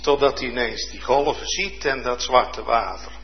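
A man preaching a sermon with fervent, dramatic delivery, dropping to hushed tones and rising to loud exclamations. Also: mid-range voice, normal speed, a little hiss or hum. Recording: dull lo-fi sound.

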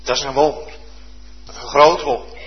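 A man preaching a sermon with fervent, dramatic delivery, dropping to hushed tones and rising to loud exclamations. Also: mid-range voice, fairly even intonation, normal speed, slight background noise. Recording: dull lo-fi sound.

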